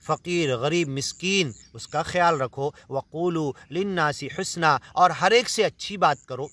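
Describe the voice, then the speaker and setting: A Quran teacher from India, speaking with an Indian Urdu accent, earnestly explains Quran verses in a sermon, reciting lines in Arabic and then paraphrasing them. His voice is fairly high, pushed and bright, with no echo.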